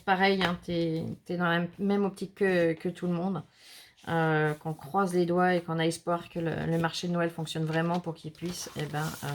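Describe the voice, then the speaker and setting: Chatty French-speaking woman host. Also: fairly low pitch. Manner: chatty, reassuring, reads viewer notes aloud. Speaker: craft channel host. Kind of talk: casual chat.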